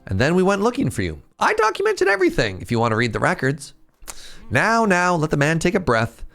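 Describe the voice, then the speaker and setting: Chipmunk-voiced eager boy advisor, put on by a male gamer, lively and sing-song, faint music under. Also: fairly quick, gravelly, heavily acted. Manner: high squeaky chipmunk voice. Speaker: gamer reading game dialogue aloud. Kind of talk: let's play voice acting.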